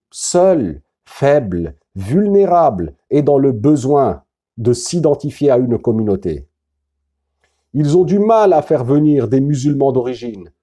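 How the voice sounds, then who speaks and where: A man reading his anonymous testimony in a grave, accusing, measured way, his voice masked by a pitch-shifting disguise. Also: warm tone. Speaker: anonymous witness. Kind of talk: read-out written testimony.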